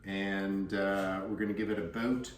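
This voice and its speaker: A man with a fairly low voice co-hosting a casual cooking vlog in a kitchen. He talks plainly and matter-of-factly about each step. He sits a little off the mic in an echoey room with faint hiss. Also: level tone, a little slow, distant mic. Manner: plain, matter-of-fact instructions. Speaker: cafe cook and co-host.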